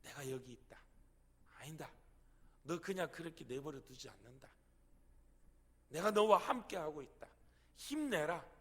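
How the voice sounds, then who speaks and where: A man voicing God as a gentle, fatherly figure who speaks softly and reassuringly. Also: fairly high pitch, expressive, a little slow, long pauses, slightly rough, in a large hall, full character voice. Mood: tender, reassuring. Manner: soft, reassuring, tender.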